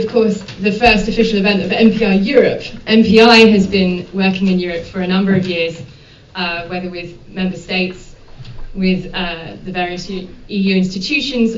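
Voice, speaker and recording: A woman's voice: fairly low pitch, fairly even intonation, a little hiss or hum. Woman moderator in an echoey hall. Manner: measured, with frequent ums and uhs. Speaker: panel moderator. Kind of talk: formal event introduction. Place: conference room. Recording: dull, echoey hall from far off.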